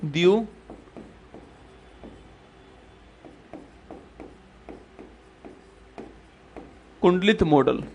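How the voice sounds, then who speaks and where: High-voiced male exam-prep teacher. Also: lively intonation, extremely slow, long pauses, dark tone, muffled recording, a little hiss or hum. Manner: repetitive, quizzes students with rhetorical questions. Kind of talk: exam-prep classroom lecture.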